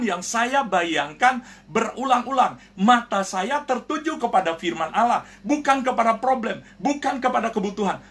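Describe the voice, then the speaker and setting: A man with a very high, slightly bright voice preaches earnestly and directly over an online prayer broadcast, with a little hiss or hum in the audio. He often calls his listeners "saudara," meaning brothers and sisters. He also acts out the voices of people in his stories.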